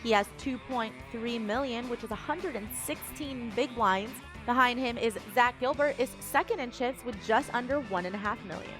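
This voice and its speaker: A woman commentating a televised poker final table, giving upbeat, clear play-by-play. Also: on the high side, moderate pace, few pauses, music in the background.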